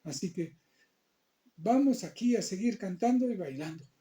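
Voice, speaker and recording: A man's voice: sits high, animated, moderate pace, mellow. A man acting a bold, devoted queen who scolds and defies those around her. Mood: defiant. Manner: defiant, scolding.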